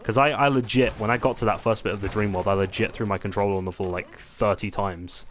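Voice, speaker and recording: A man chatting casually as he commentates his gameplay, rambling with many pauses and restarts. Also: lowish voice, fairly even intonation. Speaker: gaming channel host. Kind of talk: let's-play gameplay commentary.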